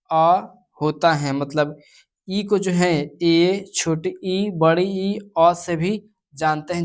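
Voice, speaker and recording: A woman with an Indian accent teaching English pronunciation rules, going slowly through example words one at a time and repeating them. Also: lowish voice. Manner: slow, repetitive, spells out words one by one. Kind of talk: slow classroom explanation in Hindi.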